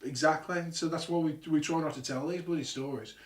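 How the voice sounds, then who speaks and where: Man, paranormal host, storyteller, slightly high voice, roomy echo. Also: fairly quick, distant mic. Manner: animated storyteller, swears, acts out quotes. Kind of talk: live ghost-hunt storytelling. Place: old house at night. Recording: echoey room, off-mic.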